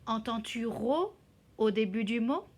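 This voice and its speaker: A woman teacher explaining a reading exercise to children slowly and carefully, sounding out syllables. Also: a little high, animated, a little mellow. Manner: slow, careful, spelling out syllables. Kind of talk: slow classroom explanation in two languages.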